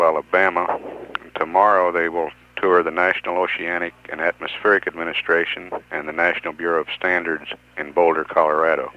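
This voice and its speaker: Man, mission control radio announcer: very deep, monotone, radio-filtered, dull 1970s lo-fi. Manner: measured, even delivery with occasional "uh" pauses. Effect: radio transmission sound over a mission control loop. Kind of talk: formal mission status announcement.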